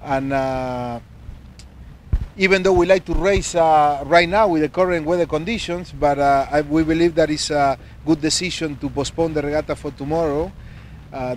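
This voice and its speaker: A man's voice: a little high, slight background noise. Man, crew spokesman, hesitant delivery, handheld mic outdoors on a boat. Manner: hesitant, many "uh"s. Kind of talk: casual interview, joking. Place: outdoors on a sailboat deck in a harbor.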